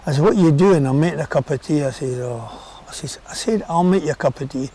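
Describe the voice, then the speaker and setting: Older husband-carer, blunt and gravelly, a bit higher voice. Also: male voice, fast talker, dark tone, poor audio. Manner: blunt, exasperated, nagging. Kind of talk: documentary interview.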